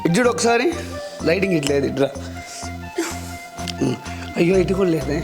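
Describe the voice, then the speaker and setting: A young man hosting a casual prank vlog at home, excitable and quick to repeat his words over and over. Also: on the high side, over music, low-quality recording. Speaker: prank video host. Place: at home indoors.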